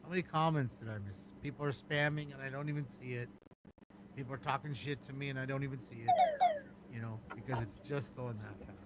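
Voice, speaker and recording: A man's voice: medium pitch, fast, noisy background. A man hosting a casual livestream, rambling and thanking donors. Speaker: livestream host.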